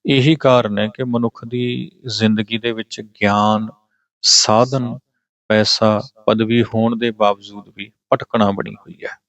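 A patient Punjabi man teaching scripture in a low voice. He chants each verse slowly and then walks through pronunciation and meaning point by point. The recording is dry and a little dull. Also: flat delivery, a bit bright, dry recording. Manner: slow drawn-out chanting of verses, then plain explanation; patient, corrects pronunciation step by step. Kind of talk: religious scripture exposition.

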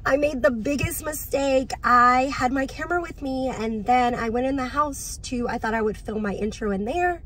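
Woman, 30s, from southern california, chatty vlogger, parked car, phone mic, slightly high pitch. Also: normal speed, few pauses, fairly bright tone, slight background noise. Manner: chatty and upbeat. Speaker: home decor vlogger and mom. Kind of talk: casual shop-with-me vlog. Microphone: phone held at arm's length.

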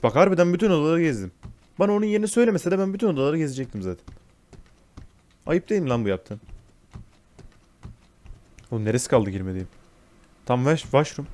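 A man's voice: mid-range voice, darkish tone. A young man talking over a horror game as he plays it, cursing and then apologizing to his viewers. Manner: swears, then apologizes to viewers; panics and shrieks when scared. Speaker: gaming YouTuber. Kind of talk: let's play commentary.

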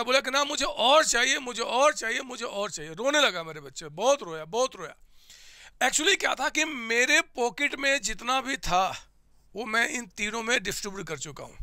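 A man's voice: extremely high pitch, bright, forceful tone, dry recording, clean studio sound. A man, teaching a commerce lecture through home examples, asking questions and answering them himself.

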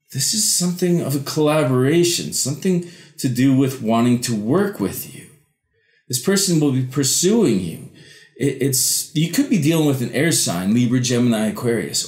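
A man giving an improvised mystical horoscope reading as a tarot reader, halting and repeating words as he interprets. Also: mid-range voice, darkish tone. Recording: roomy echo.

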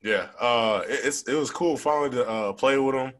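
A young man, a college football player, fields reporters' questions at a post-game press conference, talking into a desk microphone on a stand in a press room with a logo backdrop. His voice sits at medium pitch with a fairly bright tone, and he comes across frank, fast and conversational, with lots of fillers. The recording quality is low.

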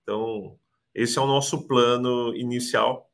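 A man's voice: medium pitch, steady tone, unhurried, a bit bright. Hesitant Brazilian man on a video call. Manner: hesitant, repeats words, many "né" tags. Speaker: interviewee, immigration client. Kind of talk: casual interview over video call.

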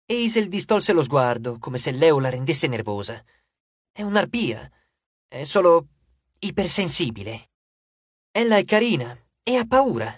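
An audiobook narrator reading a fantasy novel aloud with scripted narration, changing voice for each character. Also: no echo. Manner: lively, shifts pitch for each character.

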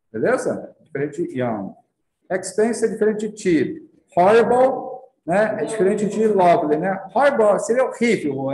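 Lively Brazilian man teaching in an echoey room. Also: high voice. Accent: Brazilian Portuguese. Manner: constantly checks in with students after each point; slows down to sound out English words. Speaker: English teacher. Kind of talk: classroom lesson.

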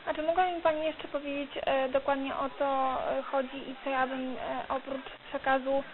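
A woman's voice: sits high, little pitch movement, moderate pace. A woman on a phone call, speaking as a customer to a salesperson. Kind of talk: phone conversation, asking questions. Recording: muffled, narrow phone line.

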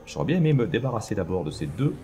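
Deep gravelly man narrating gameplay. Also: very animated, fast talker, background noise. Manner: chatty, thinking aloud with many fillers. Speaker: let's play host. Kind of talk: casual gameplay commentary.

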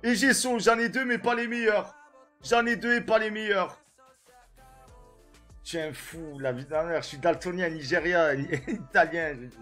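A young man with a French accent, a gaming streamer giving slangy pack opening commentary and shouting when a good card comes up. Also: high-pitched, normal speed, soft background music.

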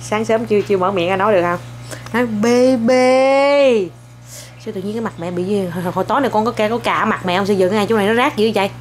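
This young mother's home vlog has her coaxing, teasing and gently reprimanding her child while chatting to viewers. She talks rapid-fire in a steady, medium-pitched voice, with slight background noise.

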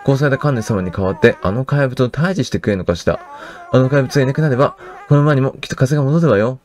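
A man's voice: mid-range voice, fast talker, darkish tone, close to an everyday voice. A man reading aloud a gossiping middle-aged village woman in a video game, chatty and rumor-spreading. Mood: gossipy.

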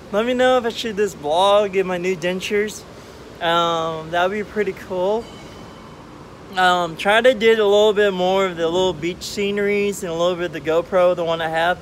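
A man with a high voice chats casually to camera while speaking with brand-new dentures. He rambles in an upbeat way, leaning on ums and uhs. A faint hiss of background noise sits under the voice. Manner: rambling, filler-heavy, upbeat. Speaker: vlogger. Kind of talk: casual vlog chat.

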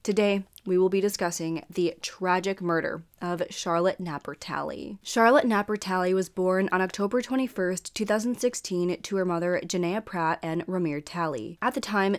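A young woman in her twenties hosts a true crime show, reading her script to camera from a small room at home. Her fairly low voice is slightly scratchy and stuffy from a dry throat, and she tells the story in an earnest, measured way.

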